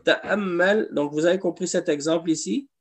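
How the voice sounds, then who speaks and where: Speaking at a normal speed in a high voice, a man gives an Arabic class inside a mosque classroom, patiently explaining and repeating every example.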